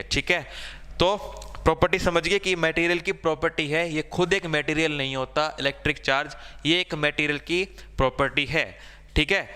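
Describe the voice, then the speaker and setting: A man's voice: a little high, pushed and bright, clean tone, big-room sound. A man teaching a science lesson. He speaks conversationally, asks his students' questions aloud, answers them himself and keeps checking in with them. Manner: conversational, repeats "theek hai" to check in. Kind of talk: board-exam science lesson.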